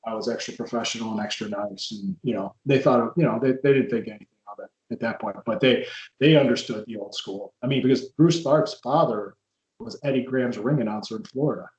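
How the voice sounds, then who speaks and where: A man's voice: mid-range voice, brisk, darkish tone. A man hosting a podcast interview, a former wrestler rambling through old stories with frequent restarts. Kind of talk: casual interview chat. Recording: roomy echo.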